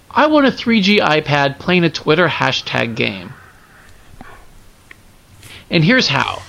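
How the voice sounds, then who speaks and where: High, lively man joking around. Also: a little hiss or hum. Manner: playful, joking, animated. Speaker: podcast co-host. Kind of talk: casual chat.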